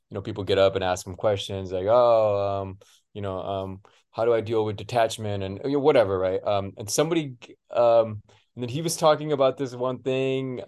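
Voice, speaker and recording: A man's voice: fairly low pitch, darkish tone, clear, resonant tone. Rambling man in casual chat. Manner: rambling, many fillers, casual swearing.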